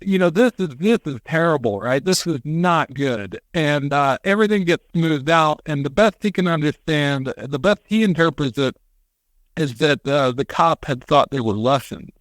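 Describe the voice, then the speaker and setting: A man on a podcast, retelling a story in casual chat, animated and acting out quotes with casual swearing. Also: a little high, moderate pace, no room sound. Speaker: podcast co-host.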